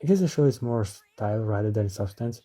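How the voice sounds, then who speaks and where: A man's voice: fairly low pitch, lively intonation, fairly quick, dark tone. A man narrating a scripted review as an anime reviewer.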